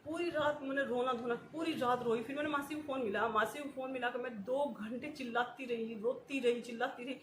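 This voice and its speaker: In an emotional personal vlog, a woman talks fairly quickly in a high voice with hardly any pauses, using short, repeated phrases and often breaking into nervous laughter. The room is echoey, with faint ambient noise.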